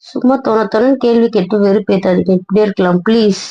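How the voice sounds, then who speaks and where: Young wife in a home couple skit. Sulky, stubborn pleading. Warm, dark tone, dry lo-fi sound. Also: female voice, medium pitch, fast, dry recording. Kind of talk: casual couple banter. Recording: dull, dry lo-fi audio.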